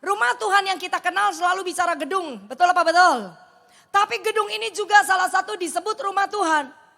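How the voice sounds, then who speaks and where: A middle-aged woman preaches in with a tinge, her voice high and gravelly. She tells stories animatedly, acting out the dialogue. The sound rings with a long reverb from a large hall. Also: brisk, pushed and bright. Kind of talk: sermon.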